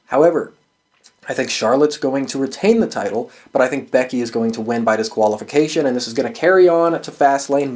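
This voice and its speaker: A man with a medium-pitched, slightly mellow voice hosts a wrestling prediction show. His sports commentary is casual and opinionated, delivered in a profane, emphatic way.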